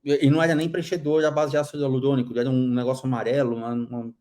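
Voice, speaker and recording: Man, Brazilian Portuguese accent, live class instructor, blunt critical tone, dark voice. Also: medium pitch, level tone, racing. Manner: blunt and critical, with frequent restarts. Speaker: dental aesthetics instructor. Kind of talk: casual live class chat.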